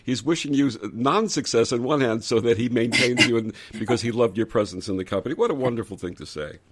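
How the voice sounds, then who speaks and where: A man's voice: mid-range voice, fairly quick. A man hosting a conversational interview in an effusive, emphatic and wordy way.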